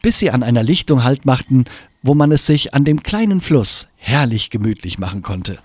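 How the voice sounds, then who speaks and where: A man narrating a children's storybook in an expressive, lively way. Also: medium pitch, normal speed.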